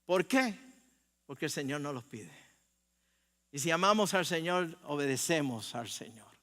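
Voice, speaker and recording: An older pastor with a Puerto Rican accent preaches a sermon conversationally, quizzing the congregation and cracking jokes. His voice is a little high and fairly bright, with lively intonation and a slightly slow pace. The church sanctuary gives the recording a long hall reverb.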